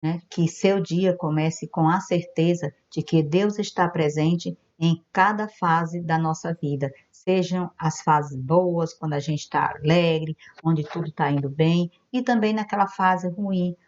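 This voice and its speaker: A woman teaching an online lesson to primary school children, patient and gentle, explaining step by step. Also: fairly low pitch. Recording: dull lo-fi home video audio.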